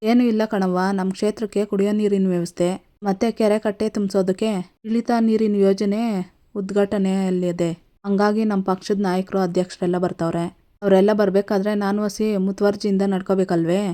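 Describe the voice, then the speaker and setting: A woman's voice: medium pitch, flat delivery, brisk, dark tone, lightly acted. A woman voicing a middle-aged male local politician and head of the family, firm and commanding, in her own voice.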